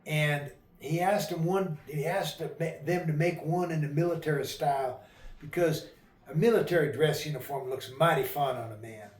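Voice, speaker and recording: A man's voice: fairly high pitch, moderate pace. A man telling a folk tale in a folksy, drawling storytelling manner. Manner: folksy, rural dialect, drawling asides. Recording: echoey room, voice a bit far from mic.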